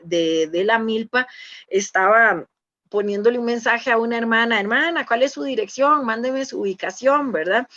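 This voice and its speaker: A woman's voice: medium pitch, fairly bright tone, lo-fi sound. Earnest Costa Rican woman telling a testimony. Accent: Costa Rican Spanish. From Costa Rica. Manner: earnest storytelling with many fillers and restarts. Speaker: church speaker. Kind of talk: conference testimony.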